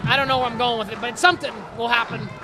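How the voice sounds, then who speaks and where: A man's voice: very high voice, fairly even intonation, racing. A man giving opinionated, openly partisan color commentary on live wrestling. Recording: loud crowd noise behind. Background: wrestling event crowd.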